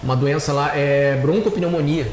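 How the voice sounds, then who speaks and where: A man with a slightly raised pitch shares news on a casual panel. He talks in a relaxed, easy way. The room sounds echoey. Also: moderate pace. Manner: relaxed newsy delivery.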